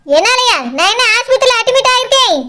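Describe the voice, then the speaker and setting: A woman voicing a hot-tempered, sharp-tongued village house owner in a cartoon, with a Kanyakumari Tamil accent and quick, indignant retorts. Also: very high voice, animated, very noisy.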